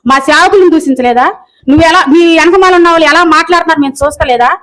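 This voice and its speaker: Woman, very high pitch, rapid-fire angry scolding, rant delivery. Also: a bit bright, low-quality recording. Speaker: video commenter.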